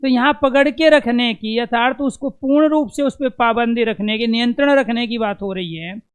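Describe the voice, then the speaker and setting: A man's voice: very high voice, normal speed, clean tone. A man teaching an exam-prep lesson, who asks questions and answers them himself and repeats the key terms to drill them in.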